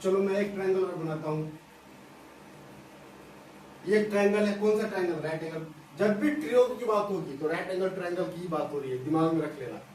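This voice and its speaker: At a board, a man teaches a school maths lesson step by step, repeating phrases and frequently checking that students are following. His voice sits high with a darkish tone, brisk but with frequent pauses. It was recorded from a distance in an echoey room, with faint hiss.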